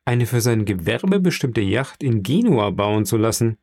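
A man's voice: fairly low pitch, big pitch swings, a little slow, darkish tone, no room sound, clean studio sound, full character voice. A man voicing a young nobleman who keeps probing with questions. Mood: curious. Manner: probing, asks question after question.

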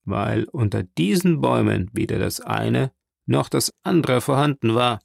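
A man reading a grim, tormented state prosecutor in an audiobook, somber, measured and heavy. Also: medium pitch, creaky, dry recording, clean studio sound.

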